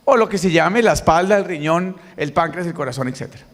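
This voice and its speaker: A man's voice: fairly high pitch, brisk. Colombian man talking in an echoing hall. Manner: lively, questions the audience directly. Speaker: motivational speaker. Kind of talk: conference talk with audience questions. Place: large conference hall. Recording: reverberant hall, mic on stage.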